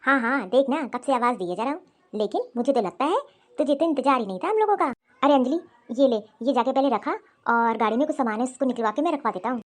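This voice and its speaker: A woman voicing a caring father of the bride in an animated cartoon, fussing over his daughter affectionately. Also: high-pitched, fast talker.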